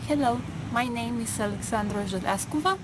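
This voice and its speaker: A woman of twenty-two, a student answering interview questions slowly, pausing often on fillers. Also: on the high side. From Bulgaria. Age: 20s. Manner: hesitant, many pauses and fillers. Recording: noisy background.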